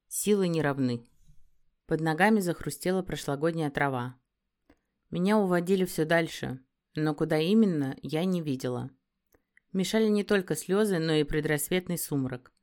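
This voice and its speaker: A woman's voice: low voice, normal speed, darkish tone. A woman narrating a first-person fantasy audiobook in a dramatic, emotive reading.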